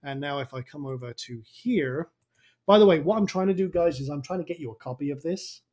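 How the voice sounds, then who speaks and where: A man gives a casual on-screen tutorial in a raspy, tired voice. He talks informally, muttering his way through each step as an online marketing coach would. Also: fairly high pitch, fairly quick, darkish tone. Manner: informal, thinking aloud.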